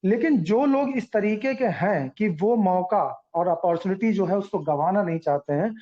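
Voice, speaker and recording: A man with a high voice and a dark, mellow tone addresses a meeting, explaining points with earnest, repeated reassurance. The recording sounds dull and lo-fi. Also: lively intonation, normal speed. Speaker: speaker addressing a community meeting.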